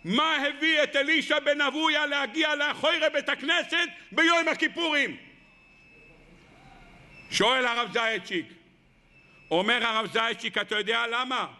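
Male rabbi, sermon style, impassioned storyteller with a very high, bright voice. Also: steady tone, pauses often. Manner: impassioned, acts out voices and stories.

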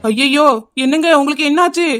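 A woman's voice: high-pitched, fairly even intonation, fairly quick, a bit bright, soft background music. Woman voicing Chinnaponnu, clingy village wife. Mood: wailing. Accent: Kanyakumari Tamil. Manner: pleading, insistent and wailing. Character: young village wife, eager cook, clingy and pleading. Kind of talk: animated cartoon comedy dialogue.

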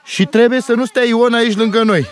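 A man's voice: very high voice, steady tone, a crowd in the background. A man from Romania filming a casual family vlog outdoors in the mountains, teasing his kids and showing them how to do things in a fatherly way. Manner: playful, teasing, fatherly instructing.

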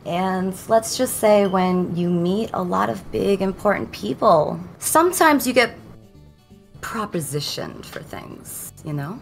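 A woman's voice: medium pitch, lively intonation, slow pace, creaky, soft background music. A young adult woman from Florida telling a confession casually over a video call. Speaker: confession guest caller.

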